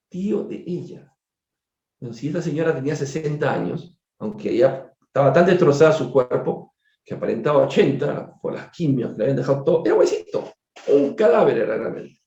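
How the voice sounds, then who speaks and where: A man's voice: fairly high pitch, dark tone. Man lecturing in an echoey room. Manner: digressive, conversational, with repeated words and asides to listeners. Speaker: doctor giving a spiritist book study. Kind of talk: storytelling lecture. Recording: echoey room, dull lo-fi sound.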